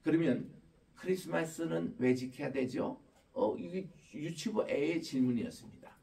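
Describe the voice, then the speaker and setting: A man's voice: a little high, a little slow, creaky, warm tone, distant mic. A male pastor giving a conversational sermon, explaining points by asking questions and quoting children. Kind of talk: Christmas sermon.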